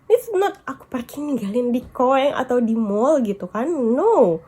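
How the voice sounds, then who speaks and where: High-voiced upset woman venting. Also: animated, a little slow, warm tone, breathy edge. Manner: upset, venting, mixing English and Japanese words. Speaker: vlogger. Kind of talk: emotional storytime vlog.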